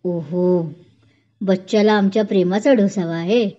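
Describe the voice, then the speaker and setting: A woman's voice: medium pitch, fairly even intonation, measured pace, dark tone, lightly acted. A woman reading a storybook romance, voicing a young man who is tender and scolds in jest. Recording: dull lo-fi recording.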